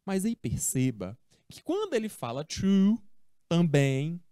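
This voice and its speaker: Brazilian lady teaching english, chatty, asks herself questions, warm lowish voice. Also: slow, no echo, clean studio sound. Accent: Brazilian Portuguese. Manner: asks herself pupils' questions and answers them, lively and chatty. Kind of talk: classroom explanation of a text.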